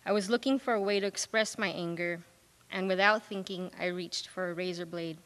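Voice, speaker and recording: A young woman performing a personal monologue in a quiet, reflective way. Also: lowish voice, fairly even intonation, a little fast. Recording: reverberant hall.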